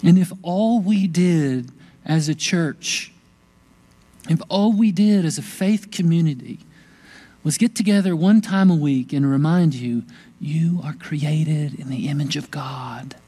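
A man preaching a sermon at an unhurried, measured pace, his voice mellow and a little higher than most men's. He lingers on key words and lets some fall to a near whisper. It sounds like a pastor addressing a congregation during a Sunday service. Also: slightly rough. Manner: slow, deliberate delivery, softening to a hushed whisper on key words. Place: church sanctuary during a worship service.

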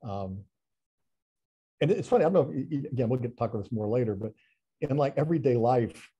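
Husky, mellow-voiced man giving a chatty presentation. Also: mid-range voice, animated, fast, dull audio. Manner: chatty, self-deprecating, many restarts and fillers. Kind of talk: casual online talk presentation. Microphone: video call.

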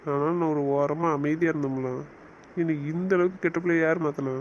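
A man's voice: a little high, fairly even intonation, a little fast, muffled recording, a little hiss or hum, close to an everyday voice. Teasing young husband, as a man voices him. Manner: teasing, scolding banter. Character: teasing young husband, bossy but playful. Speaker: husband in an audio romance series.

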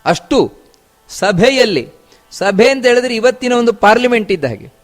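A man with a raised, fairly high voice teaches from scripture in a spiritual discourse. He leans on repetition and rhetorical questions to drive each point home. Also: sing-song, soft background music. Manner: repeats phrases and asks rhetorical questions; chants verses slowly in song. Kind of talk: religious discourse explaining scripture.

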